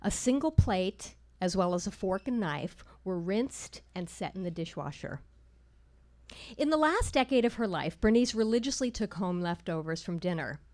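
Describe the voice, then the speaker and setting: A woman telling a personal story at a live storytelling show, wry and measured with dry comic timing. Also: medium pitch, expressive, a little mellow.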